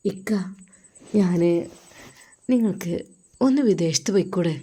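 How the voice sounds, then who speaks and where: A woman's voice: lowish voice, a little slow, dark tone, breathy edge. A woman doing a sweet-talking young wife. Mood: coaxing. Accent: Malappuram Malayalam. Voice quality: wheedling, sing-song pleading. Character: young wife coaxing her husband, sweet and scheming.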